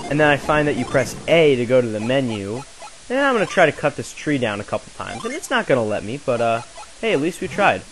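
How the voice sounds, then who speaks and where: A man giving casual, joking commentary while playing a game, recorded on a desk mic with hiss. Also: medium pitch. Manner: joking, wry, rambling. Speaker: let's play commentator. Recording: hissy home recording.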